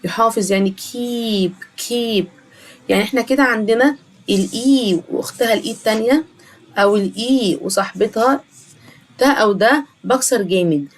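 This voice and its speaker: A woman with an Egyptian Arabic accent, teaching a children's English lesson and slowly repeating each English word. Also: on the high side. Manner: slow, drawn-out repetition of English words.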